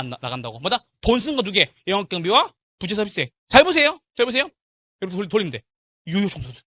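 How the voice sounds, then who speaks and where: Animated man lecturing a live class. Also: sits high, no echo, clean studio sound. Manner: animated, drills students with repeated call-and-response questions. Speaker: real estate exam lecturer.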